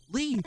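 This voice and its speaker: A man's voice: darkish tone, a little hiss or hum, low-quality recording. A man streaming a narrative game, reading its text aloud and breaking off for sarcastic, profane asides.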